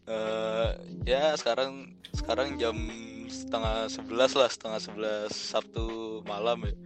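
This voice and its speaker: A man's voice: fairly low pitch, flat delivery, a little slow, over music. A young man telling a story in slangy casual chat, rambling and laughing as he goes. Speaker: guest storyteller.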